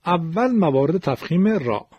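Patient male recitation teacher, husky voice. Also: a little high, sing-song, dry recording, muffled recording. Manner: explains rules patiently, slows down to chant example words. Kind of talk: step-by-step explanatory lesson.

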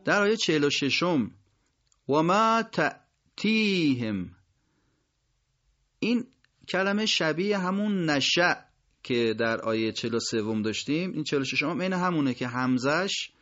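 Man, recitation teacher, pronunciation lesson, slow drawn-out example words, muffled recording. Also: fairly high pitch, expressive, a bit bright.

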